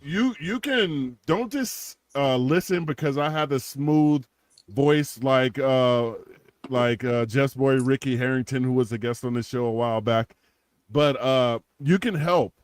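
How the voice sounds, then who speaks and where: A podcast co-host in his forties jokes and rambles through a donation plug, restarting many times during casual chat with sponsor-style plugs. His medium-pitched voice moves a little slowly, with no echo.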